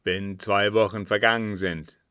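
A man's voice: on the low side, little pitch movement, a little slow, bright, forceful tone, clean tone, no echo, clean studio sound. A man voicing a cunning disguised agent who feigns innocence with emphatic protests, in an audiobook reading. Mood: persuasive.

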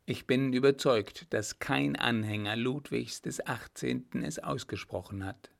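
A man voicing a calm, commanding young German officer, firm and confident. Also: mid-range voice, measured pace, creaky. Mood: rousing. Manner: firm, confident, somewhat louder delivery.

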